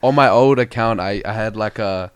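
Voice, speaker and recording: A man's voice: on the low side, normal speed, clean tone, no room sound. A young man with a New Zealand accent chatting casually as a rapper guest, laid-back and slangy. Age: young adult. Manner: laid-back slangy talk, says bro a lot. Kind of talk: casual interview chat.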